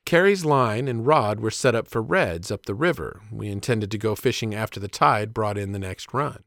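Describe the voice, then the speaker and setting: A man narrating a personal story about himself as a father in measured, plainspoken scripted narration. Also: on the low side, fairly bright tone, no echo, clean studio sound.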